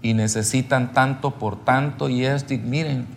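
A man's voice: mid-range voice, steady tone, moderate pace, vocal fry, slight background noise. A man preaching at a seminar, telling his testimony with emotion and calling the listeners brothers. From El Salvador. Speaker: pastor. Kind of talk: sermon testimony. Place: church or seminar hall.

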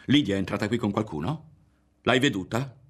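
A man voicing an enraged middle-aged mother who shouts accusations and threats at her son. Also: on the low side, lively intonation, fairly quick, husky. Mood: accusing.

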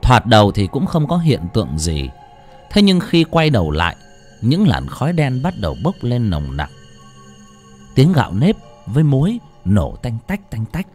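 Guy reading a spooky story, super lively pitch, bit of music under. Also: moderate pace, breathy edge. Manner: dramatic, expressive storytelling. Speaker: audiobook narrator. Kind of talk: storytelling narration.

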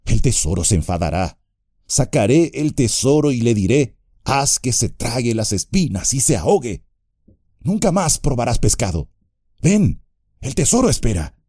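Earnest young hobbit read by a man for an audiobook, urgent and pleading, soft dark tone. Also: mid-range voice, big pitch swings, normal speed, slightly rough, no echo, clean studio sound, voice pushed up. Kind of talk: audiobook character voice.

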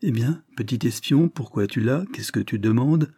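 A man's voice: medium pitch, moderate pace, dark tone, husky, no echo, studio quality, close to an everyday voice. A man voicing a sly, ragged young boy who pleads and wheedles. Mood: taunting.

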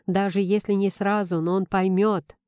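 A blunt, teasing young woman friend, read by a woman narrator in a warm, mellow tone, recorded dry and close. She talks sardonically and pointedly, pushing her friend with questions. She stays earnest and firm under the teasing. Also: medium pitch, level tone, normal speed, smooth, no echo, natural voice.

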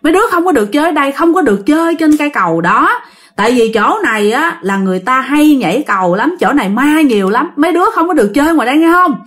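A woman voicing an older male farmer who shouts rapid, alarmed warnings at children in a told ghost story. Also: high voice, animated. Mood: scolding, alarmed.

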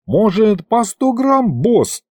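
Brief: male reader as a cocky piggish imp, thug slang, drawled, higher voice, audiobook. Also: big pitch swings, takes it slowly, darkish tone, dry recording, clean studio sound, exaggerated voice. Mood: coaxing.

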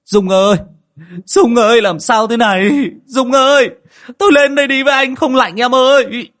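A man's voice: very high-pitched, normal speed, a bit bright, pitched above the performer's own voice. A man voicing a young husband frantically wailing his wife's name. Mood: frantic.

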